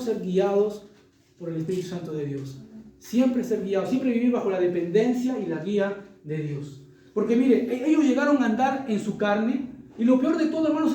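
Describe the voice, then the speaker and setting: High-voiced preacher booming in an echoey hall. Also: male voice, warm tone. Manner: emphatic, keeps addressing the congregation as brothers; asks rhetorical questions. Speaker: pastor. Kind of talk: sermon. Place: church hall. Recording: very echoey, mic far off.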